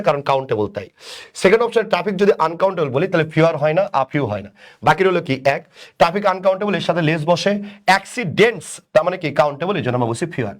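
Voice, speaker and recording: Chatty Bangladeshi man teaching grammar. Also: a little high. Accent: Bangladeshi Bengali. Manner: conversational, asks and answers his own questions, repeats "right?"; banters with commenters by name. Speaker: English teacher. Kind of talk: live online grammar class.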